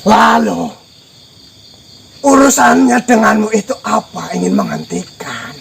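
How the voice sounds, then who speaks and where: A man voicing a male guardian spirit of a place who questions the visitors slowly and sternly. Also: high-pitched, sing-song, creaky, fairly bright tone, faint music behind, heavily acted. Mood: probing. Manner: slow, commanding, interrogating. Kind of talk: spirit-possession role-play.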